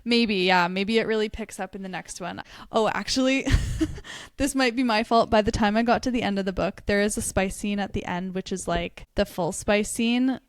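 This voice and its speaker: A young woman's mid-range, clean-toned voice moves at a moderate pace in a clean studio recording without echo. As a podcast co-host, she chats casually and animatedly about books and laughs often.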